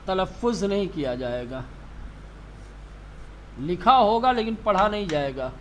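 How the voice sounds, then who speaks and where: A man's voice: high voice, sing-song, a bit bright, slight background noise. A man, a religious teacher, giving a classroom lesson, repeating terms and asking and answering his own questions. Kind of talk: classroom lesson on Quranic reading.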